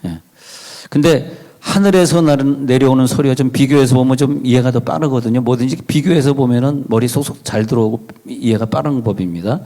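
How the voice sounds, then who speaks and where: A man's voice: mid-range voice, brisk, mellow. A male pastor giving a sermon in a church, conversational, with wry asides and questions to the congregation. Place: church sanctuary.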